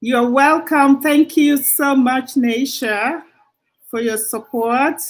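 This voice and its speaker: A woman hosting a live stream, warmly greeting viewers one by one by name. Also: high-pitched, steady tone, slow pace. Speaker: livestream host. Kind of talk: casual livestream greeting.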